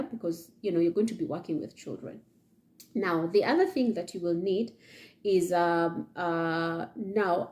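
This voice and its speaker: A young woman with a Kenyan accent vlogs indoors, sitting before a leather chair and offering casual advice to the camera. She keeps asking "yeah?" and "okay?" in a lowish, darkish voice.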